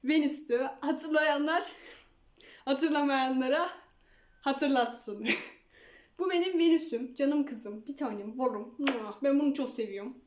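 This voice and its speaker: A woman's voice: high-pitched, unhurried. A young woman vlogging casually at home, talking to her cats in affectionate baby talk. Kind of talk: casual chat to camera. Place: at home, indoors. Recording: echoey room.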